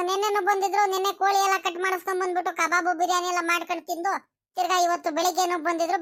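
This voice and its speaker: A woman's voice: extremely high pitch, bright, forceful tone. A woman voicing a bewildered, pleading young married daughter in a comedy cartoon. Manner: pleading, questioning. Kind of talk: village comedy cartoon acting.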